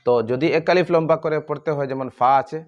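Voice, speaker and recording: A man teaching Quran letter pronunciation, drawing out each letter name slowly and explaining the difference between similar sounds. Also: a little high, steady tone, lo-fi sound. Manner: slow, drawn-out recitation of letter names.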